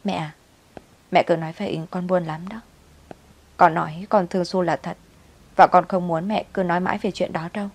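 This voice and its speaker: A woman voicing a gentle young wife who speaks softly and sadly. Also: lowish voice, fairly even intonation, moderate pace, long pauses, breathy edge. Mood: subdued. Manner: soft, subdued.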